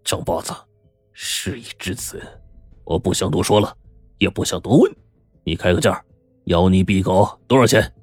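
A man's voice: deep voice, moderate pace, pauses often, a little mellow, breathy edge, no echo, faint music behind. A male storyteller voicing a cornered middle-aged mine boss who speaks in a clipped, angry way. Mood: suppressed anger.

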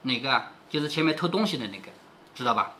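A man reading a classic novel aloud to his daughter, pausing to explain and asking rhetorical questions. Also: medium pitch, animated, pushed and bright, a little hiss or hum. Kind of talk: storytelling with explanations.

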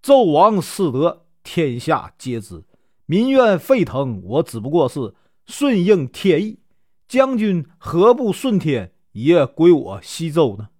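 A man voicing a calm, elderly male strategist of legend, speaking in a measured, persuasive way. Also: a little high, no echo, clean studio sound, full character voice.

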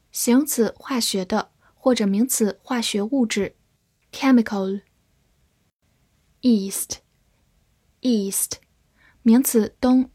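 Slow, breathy-voiced woman teaching vocabulary. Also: on the high side, darkish tone, dry recording, clean studio sound. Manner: slow, deliberate reading for repetition. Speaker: English teacher. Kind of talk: vocabulary lesson.

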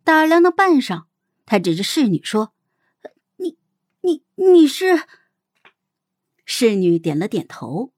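A young adult woman hosting and narrating a first-person story in a measured, expressive manner. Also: mid-range voice, no echo, studio quality. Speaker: audiobook host and narrator.

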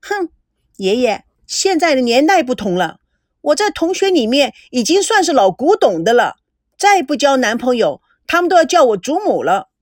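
A woman's voice: high-pitched, normal speed, dry recording, studio quality. A woman voicing a spoiled, chatty teenage granddaughter who wheedles and teases. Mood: coaxing playful. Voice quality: bright, coaxing, lively.

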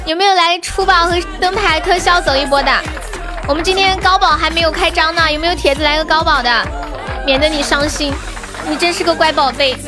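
A woman's voice: very high voice, fairly even intonation, a little fast. A young woman, live streaming in a playful, cutesy way with melodramatic pleas. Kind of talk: casual livestream chat. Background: background music.

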